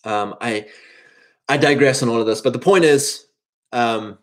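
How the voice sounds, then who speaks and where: Unhurried and medium-pitched, this thirty-year-old man gives an informal motivational ramble directed at men. He weaves in imagined quotations while handing out advice.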